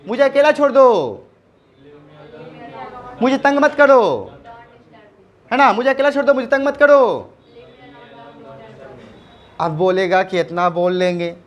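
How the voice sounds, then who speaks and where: High-pitched guy teaching english in hindi, slow drill-style repeating. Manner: drills phrases slowly, repeating them aloud. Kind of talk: spoken English lesson.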